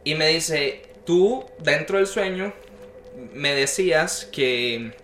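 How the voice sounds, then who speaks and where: A man's voice: fairly high pitch, expressive, slow, bright, forceful tone. A young man casually telling a long story about his dreams, acting out the voices of the people in it. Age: young adult. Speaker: podcast guest. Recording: echoey room with faint noise.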